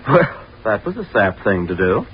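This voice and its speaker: A man's voice: on the low side, very animated, normal speed. An actor playing a brash, dismissive young fraternity man, blunt and slangy, in a 1930s radio drama. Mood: scornful. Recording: dull, noisy 1930s radio recording.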